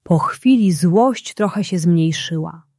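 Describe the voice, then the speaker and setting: A woman narrating a bedtime story for children in a gentle, unhurried way. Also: lowish voice, no room sound, clean studio sound.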